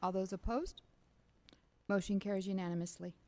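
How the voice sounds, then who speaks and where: A woman's voice: mid-range voice, moderate pace. A woman serving as city clerk, reading motions and recommendations aloud at a council meeting. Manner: reads motions and recommendations in a steady procedural tone. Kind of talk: formal meeting procedure.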